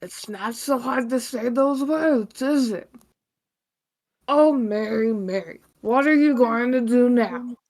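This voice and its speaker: A woman voicing a stern, wise fortune cookie maker in a live-streamed script read-through, talking in a slow, measured, teasing way with slightly slurred words. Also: on the high side, darkish tone.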